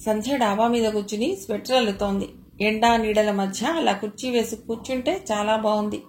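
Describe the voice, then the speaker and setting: A woman narrating an audio novel in a calm, steady storytelling manner. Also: mid-range voice, brisk, roomy sound, a little hiss or hum, poor audio.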